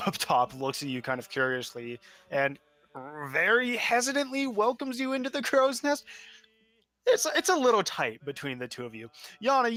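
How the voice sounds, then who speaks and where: A man's voice: fairly high pitch, sharp tone. A man narrating a tabletop game as game master in an informal, direct way.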